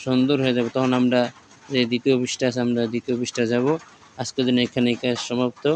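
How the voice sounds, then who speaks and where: A man teaching the Arabic alphabet, reciting each letter slowly and drawn out, patient and repetitive. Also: medium pitch, monotone, slight background noise. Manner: slow, patient, repeats each line.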